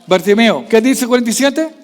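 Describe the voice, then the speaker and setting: A male pastor preaching a sermon, quizzing the congregation with constant questions and swinging from soft asides to loud raised passages. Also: very high voice, lively intonation, normal speed, long reverb tail. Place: church.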